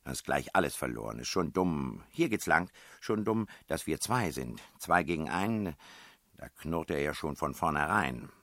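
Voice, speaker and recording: A man's voice: rumbling low, expressive, sharp tone, no room sound, clean studio sound, exaggerated voice. A man reading aloud, voicing a bossy, teasing young woman known as the Princess in a storybook reading. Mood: commanding. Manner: brisk, commanding, teasing.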